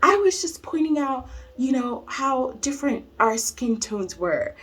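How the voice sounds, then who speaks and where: Flustered teacher, as a woman puts her on, panicky, repetitive, high voice. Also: very animated, measured pace, a bit bright, exaggerated voice. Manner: panicky, repeating herself. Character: flustered middle-aged woman teacher backpedaling.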